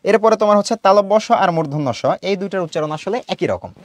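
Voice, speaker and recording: Male lecturer, quick and animated, slightly high voice, dry close sound, walks students through pronunciation. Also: dry recording. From Bangladesh. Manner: explains step by step, drawing out sounds as examples; colloquial, mixes in English words. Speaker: teacher.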